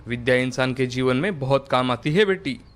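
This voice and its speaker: In an animated moral story, an actor plays a poor, hardworking village laborer who is a kind father. His medium-pitched voice is gentle and earnest, brisk and lightly acted.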